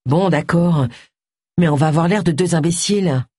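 A man's voice: a little high, moderate pace, a little mellow, breathy edge, dry recording. Reader doing a sulky guy who grumbles along, dry sound. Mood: grumbling.

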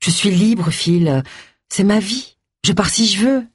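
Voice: medium pitch, expressive, takes it slowly, husky, no echo, clean studio sound. An audiobook narrator voicing a defiant young woman who is walking out on her job. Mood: defensive. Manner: curt, defiant.

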